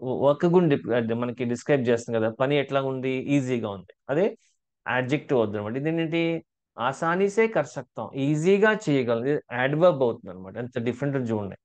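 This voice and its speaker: Man teaching phrases. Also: mid-range voice. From India. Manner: repetitive, drills phrases, coaxes viewers to repeat aloud. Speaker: Hindi teacher. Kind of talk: spoken language lesson.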